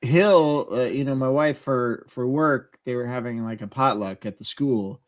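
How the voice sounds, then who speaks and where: A man's voice: medium pitch, a little slow. A man co-hosting a podcast in casual chat, rambling with lots of fillers and frequent laughter. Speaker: podcast co-host.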